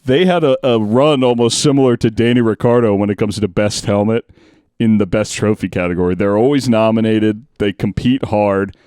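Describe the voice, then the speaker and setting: A man's voice: fairly low pitch, normal speed, darkish tone, smooth, no echo, studio quality. A man hosting a podcast, presenting awards in casual, jokey chat and giggling often. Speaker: podcast host.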